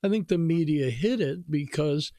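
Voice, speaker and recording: A man giving measured, deliberate commentary on a talk radio show in a conversational style. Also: on the high side, animated, warm tone, no room sound, studio quality. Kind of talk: conversational political and moral commentary.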